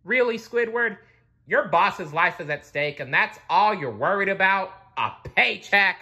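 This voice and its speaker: A man's voice: high voice, animated, a little slow, pushed and bright, pitched above the performer's own voice, heavily acted. A man voicing an earnest young mermaid princess in a storybook read-aloud, pleading and scolding.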